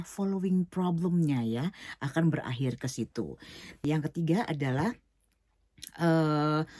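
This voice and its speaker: Lady singing teacher, low mellow voice, lots of "eh", drops english words in, dry close mic. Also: no room sound. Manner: explains with many fillers, mixes English words. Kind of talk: online singing lesson.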